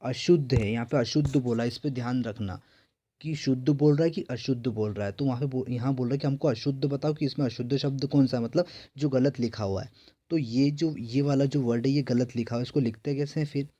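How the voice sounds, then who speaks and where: A man's voice: mid-range voice, brisk, warm tone, dull audio. A male teacher going through exam questions, asking each one aloud and then answering it himself. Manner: repetitive, quizzing himself and answering. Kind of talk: exam-prep lesson.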